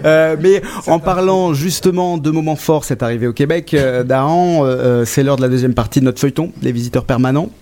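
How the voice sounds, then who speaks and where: A man working as a radio interviewer. His voice sits in a middle range, and he asks questions casually, with halting phrasing and a jokey, informal manner. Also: mid-range voice, dark tone, slight background noise.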